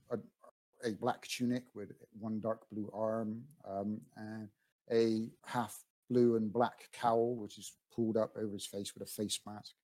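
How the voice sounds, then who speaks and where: A man's voice: on the low side, darkish tone, poor audio. A man narrating as game master of a tabletop game, with frequent ums and restarts. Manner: hesitant, many ums and restarts.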